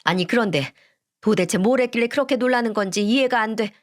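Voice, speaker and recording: A woman voicing a snobbish, rude young woman who is a son's fiancée, in a storybook reading, sweet on the surface and sharp underneath. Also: a little high, fast talker, close to an everyday voice. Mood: indignant. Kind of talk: storybook voice acting.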